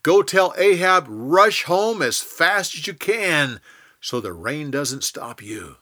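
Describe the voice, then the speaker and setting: A man voicing a bold male prophet who speaks forcefully and insistently, in a Bible storytelling reading. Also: on the high side, sing-song, takes it slowly, heavily acted. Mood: commanding.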